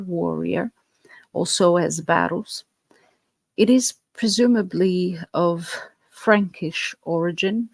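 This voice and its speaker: A woman whose first language is Portuguese hosts a podcast, explaining things earnestly in a Portuguese accent with some fillers and restarts. Her voice is fairly low with vocal fry, and there's no room sound in this monologue.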